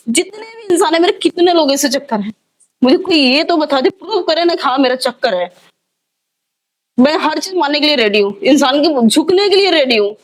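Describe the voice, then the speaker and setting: High-voiced distressed woman lawyer. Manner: pleading, distressed. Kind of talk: emotional news interview.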